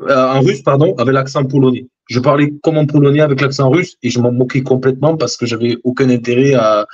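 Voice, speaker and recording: A man's voice: mid-range voice, fairly even intonation, fast, a little mellow. A man speaking as a guest over a video call, his voice dull and lo-fi. He talks in a hesitant way, full of fillers and restarts. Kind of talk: casual chat.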